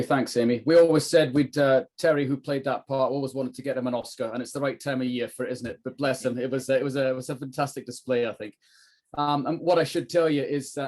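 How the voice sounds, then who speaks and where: A man's voice: mid-range voice, a little mellow. A middle-aged man explaining things as a trainer, in an informal lecture style with emphatic rhetorical questions. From UK, northeast England. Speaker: trainer, former police officer.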